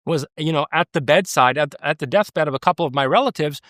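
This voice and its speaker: This American man is a guest in a conversational interview, and he comes across as earnest and emphatic while often restarting his sentences. His voice sits on the high side and is fairly bright, and he talks fast. The studio recording is clean with no echo.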